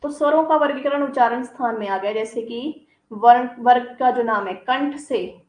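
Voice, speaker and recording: A woman's voice: fairly high pitch, moderate pace, a little mellow, reverberant, low-quality recording. A woman teacher giving a grammar lesson, explaining each term and then giving examples. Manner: explains terms, then gives examples, checks with "ठीक है". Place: coaching classroom.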